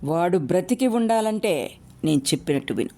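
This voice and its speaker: Woman voicing cruel rich man, menacing, contemptuous, low, storybook. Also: animated, moderate pace, dark tone, natural voice.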